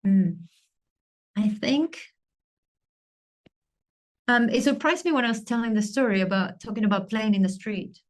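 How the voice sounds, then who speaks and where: A woman from Argentina, a podcast guest, talking thoughtfully and searching for words with many pauses. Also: on the high side. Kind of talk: reflective conversation.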